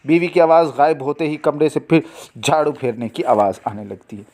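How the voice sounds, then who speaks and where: Male reader, slightly higher pitch, plain narration of a one-act play. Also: animated, moderate pace, a little mellow. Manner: plain narration of stage directions.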